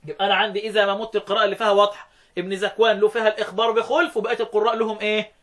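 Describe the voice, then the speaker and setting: Fast-talking Egyptian sheikh teaching recitation. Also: male voice, high voice, level tone, a bit bright. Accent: Egyptian Arabic. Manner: quizzes students, chants verse lines slowly. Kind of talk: interactive classroom lesson.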